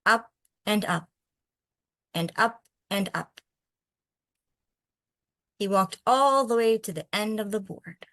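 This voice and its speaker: A woman hosts picture-book read-alouds and discusses the books casually and encouragingly. She speaks slowly with long pauses, her medium-pitched voice bright and forceful, and there's no room sound.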